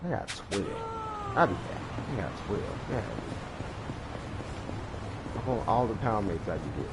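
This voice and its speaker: A man's voice: fairly low pitch, very animated, a little slow, heavy background noise. A man in his thirties giving casual let's-play commentary, rambling and laughing often as he acts out screams. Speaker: gaming YouTuber. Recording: game music behind voice.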